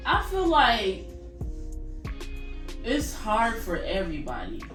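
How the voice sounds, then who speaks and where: A woman co-hosting a vlog chats candidly and casually with her sister, speaking frankly, emphatically and colloquially. Her fairly high, fairly bright voice swoops wildly in pitch at a slow pace, recorded from a distant mic in an echoey room with background music underneath.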